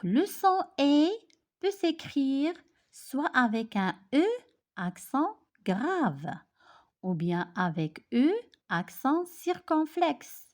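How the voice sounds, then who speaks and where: Slow, lively woman teaching pronunciation. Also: medium pitch. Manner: clear, deliberate word-by-word pronunciation, repeating words. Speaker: French teacher. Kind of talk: slow spoken language lesson.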